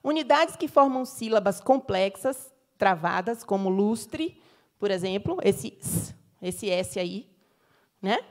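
A woman's voice: medium pitch, expressive, slow, darkish tone. A middle-aged Brazilian woman, a professor giving an academic lecture, explaining step by step and checking in with the audience with tag questions. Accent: Brazilian Portuguese. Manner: explanatory, frequent tag questions, gives sung examples.

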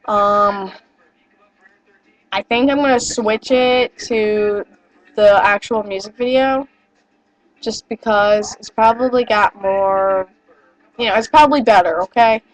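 In a small wood-paneled bedroom, a teenage girl with a mid-range voice talks slowly to her webcam, pausing often, a little nasal as she gets over a cold. Chatty, rambling and self-deprecating, she's full of fillers and apologies. The built-in mic gives a rough recording with no room sound.

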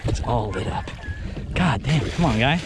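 A man chatting excitedly while fishing from a boat in open ocean, swearing often and laughing between remarks, recorded on a head-mounted camera. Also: medium pitch, a little slow. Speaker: angler filming his fishing trip. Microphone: head-mounted action camera. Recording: outdoor boat noise and wind.

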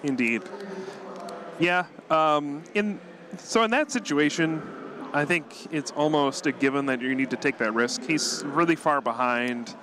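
A male commentator breaks down a card-game match move by move, quick and analytical, with light chuckles. His voice sits a bit higher than most men's. A faint hum of background noise runs underneath. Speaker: tournament commentator. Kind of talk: live play-by-play commentary.

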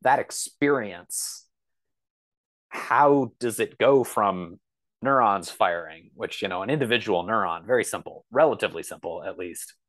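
With a lowish, slightly bright voice and lively intonation, a man speaks at a measured pace over a video call. As a podcast guest who writes books and teaches computer science, he gives thoughtful, hesitant answers in a conversational tone.

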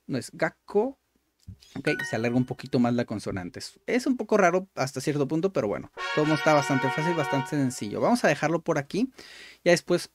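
A man's voice: medium pitch, darkish tone, no echo. Man patiently repeating words. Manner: repeats words aloud and explains them like a patient tutor. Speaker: gaming YouTuber. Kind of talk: casual gameplay commentary.

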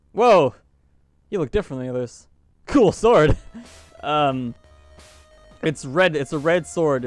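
A man's voice: on the high side, no room sound. A man hosting a let's play video, reacting aloud with frequent laughs and exclamations. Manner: jumpy, exclaiming, laughing often. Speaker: host.

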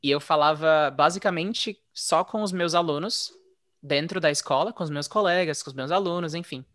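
A man telling his story in a relaxed, chatty way, as a guest in a casual interview. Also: a little high, moderate pace, no room sound, studio quality. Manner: relaxed, chatty, frequent "né?" tags. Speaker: interview guest, former English teacher living abroad.

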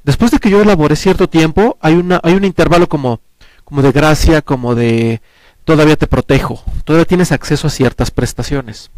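In a small indoor TV studio, a Mexican Spanish-accented man in his forties appears as a guest advisor on a talk show, earnestly explaining pensions into a headset mic. He talks at length with lively hand gestures, his voice high-leaning and brisk in a dry recording.

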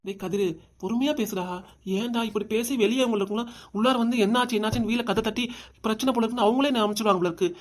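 Cartoon grandfather, older man with a southern Tamil lilt, as a man voices him; fast, fairly high voice. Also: natural voice. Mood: soothing. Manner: steady, coaxing and patient. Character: calm elderly grandfather, soothing his angry son.

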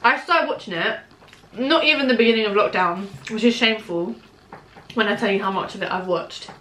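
A British woman in her twenties talks in a bright, crisp-edged voice at a middle pitch. She is chatty and slangy, stressing her points as she vlogs over food. The room adds a clear echo around her voice. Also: a little fast. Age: 20s. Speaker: vlogger chatting while eating. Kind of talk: casual chatty mukbang vlog. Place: small room at home, indoors. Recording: echoey room.

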